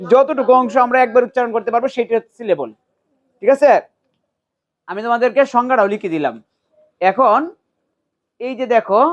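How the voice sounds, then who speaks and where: A woman teacher with a slightly high voice explains a lesson patiently, spelling each word out letter by letter and stretching it out slowly. The sound is dull and lo-fi, like a cheap recording. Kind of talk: classroom lesson.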